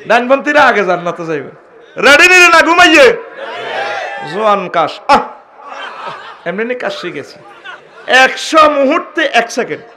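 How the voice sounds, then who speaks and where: A high-pitched man with a Comilla Bengali accent delivers a humorous sermon, his voice bright and forceful. He breaks into sing-song chanting and calls out to the listeners, with a crowd faintly audible behind him at an outdoor gathering. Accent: Comilla Bengali dialect. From Bangladesh. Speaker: preacher.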